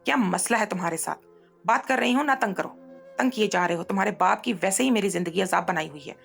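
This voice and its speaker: Brief: woman reading as a sharp-tongued young mother, gravelly, plain pitch. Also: quick pace, faint music behind. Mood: irritated. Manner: snappish and scolding. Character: harsh, irritable young wife and mother.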